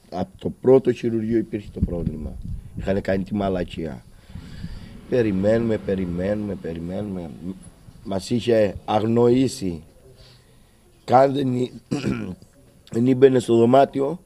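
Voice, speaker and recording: A man's voice: fairly low pitch, creaky, mellow, slight background noise. A man with a Cretan accent, a father recounting his story to a reporter in an agitated way and acting out the conversations he had. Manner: agitated, acts out dialogue with rising intensity. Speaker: father of a patient.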